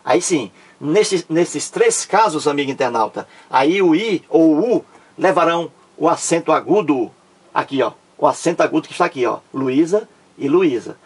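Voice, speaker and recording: A man from Ceará, Brazil, with a matching accent teaches an online grammar lesson. His husky voice sits a little high and moves around a lot as he leans on key words. He works through each rule slowly and checks in with the listener as he goes. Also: expressive. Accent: Ceará Brazilian Portuguese. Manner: explanatory, repeats points with "ó" and "tá?".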